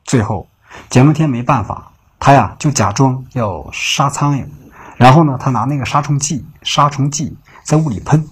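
Very husky male storyteller. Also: medium pitch. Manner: unhurried, conversational telling with filler particles. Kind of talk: late-night story narration.

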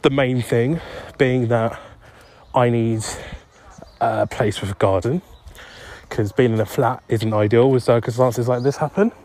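A man's voice: mid-range voice, unhurried, pauses often, darkish tone. A young man rambling through a casual solo podcast while out walking, distracted and self-deprecating. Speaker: podcast host. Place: outdoors on a street.

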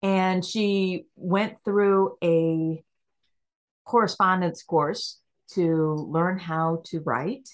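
Extremely slow and steady in tone, a middle-aged woman with a lowish voice speaks as an interview guest on a podcast. She is contemplative, quick to laugh, and lets listeners hear the questions running through her mind.

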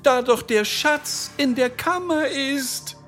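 A man voicing a cunning, scolding wife in a folk tale, in a high, shrill, mocking voice. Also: takes it slowly, fairly bright tone, soft background music, exaggerated voice.

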